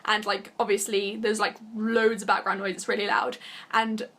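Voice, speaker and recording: A woman's voice: mid-range voice, little pitch movement, normal speed, a bit bright. A young woman from Britain chatting casually to camera as a vlogger, giggly and full of fillers. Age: young adult. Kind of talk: casual vlog talk to camera.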